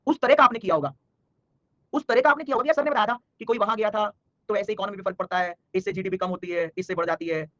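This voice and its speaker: A man teaches a live online class at a rapid clip, his voice sitting high and bright. He teases and scolds students by name between problems. The sound is dry and a little dull, with no room around it. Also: no echo. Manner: fast, scolding-jokey teacher talk, addresses students by name. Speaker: online exam-prep teacher.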